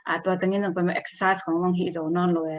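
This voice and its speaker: A woman giving an informal health talk, explaining slowly and hesitantly, dropping in English medical terms. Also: lowish voice, flat delivery.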